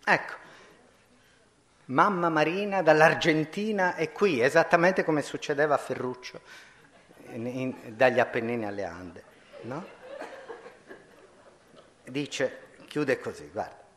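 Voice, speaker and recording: A man, giving a lively stage talk, addressing the audience and often restarting his sentences. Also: medium pitch, measured pace, pauses often. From Sardinia. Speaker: speaker on stage. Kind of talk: stage talk with read-aloud passages.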